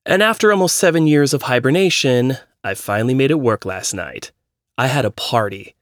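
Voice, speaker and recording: Male narrator voices an eager young guy, casual and jokey, plain mid-pitched voice, dry close sound. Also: animated, normal speed, no echo, natural voice. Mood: excited. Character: excited young man sharing good news.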